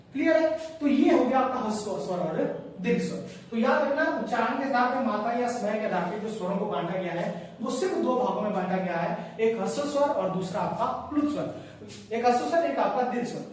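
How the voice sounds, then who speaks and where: A male Hindi grammar teacher giving a classroom lecture. He repeats key points and quizzes his listeners. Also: very high voice. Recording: very echoey room, distant mic, faint hiss.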